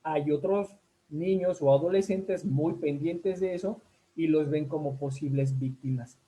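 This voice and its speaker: A man with a Mexican accent gives a talk from slides in a mellow, fairly high voice. He speaks conversationally, with many fillers, and keeps checking in with his listeners. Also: unhurried, poor audio. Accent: Mexican Spanish.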